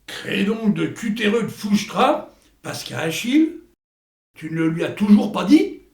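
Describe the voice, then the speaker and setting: A man's voice: high-pitched, sing-song, measured pace. A man playing a boastful old war veteran in a theatrical comedy, with a hammy stage actor's florid delivery. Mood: exasperated, declamatory. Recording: echoey room.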